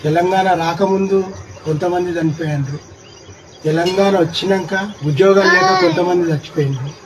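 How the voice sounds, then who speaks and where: A man's voice: high-pitched, moderate pace, background noise. A man with a Telangana Telugu accent, an auto driver, earnestly pleading with a politician for help. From Telangana, India. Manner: earnest, pleading, repeated "sir".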